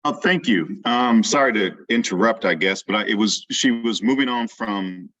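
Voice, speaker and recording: A man's voice: on the low side, normal speed, fairly bright tone, no echo, poor audio. A man at a meeting asks the guest a tentative, rambling question over a video call. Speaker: attendee asking a question.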